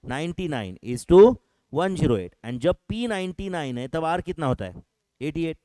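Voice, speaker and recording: A man leads a classroom maths lecture, firing rhetorical questions at his students and slowing to dictate each term. His voice sits fairly high but sounds mellow and soft-edged. The recording is dry and close, with no room echo. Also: very animated. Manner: slows right down to dictate English terms. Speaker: maths teacher.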